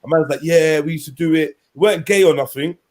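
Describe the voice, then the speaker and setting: A man's voice: on the high side, steady tone, quick pace, a little mellow. A man with an urban London roadman accent, telling anecdotes casually in street slang with frequent tag questions. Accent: London, urban multicultural street. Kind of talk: casual anecdotal chat on a live show.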